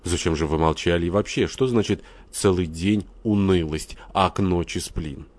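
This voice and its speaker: A man's voice: deep voice, a little mellow. A man reading a composed, shrewd general's wife who questions people carefully. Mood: probing. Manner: measured, probing.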